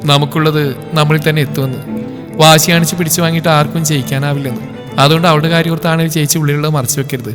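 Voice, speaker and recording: A man's voice: fairly high pitch, fairly even intonation, racing, in a large hall, music in the background, natural voice. A man voicing an earnest, candid younger sister who speaks persuasively, in a storybook reading.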